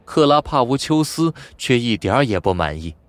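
Expressive male audiobook narrator. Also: medium pitch, normal speed. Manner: expressive, vivid storytelling. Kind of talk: scripted storybook narration.

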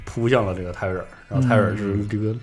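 A man's voice: lowish voice, rapid-fire, music in the background. A man hosting a podcast, casually retelling a game's story in a rambling way with many fillers. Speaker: podcast host recounting game lore.

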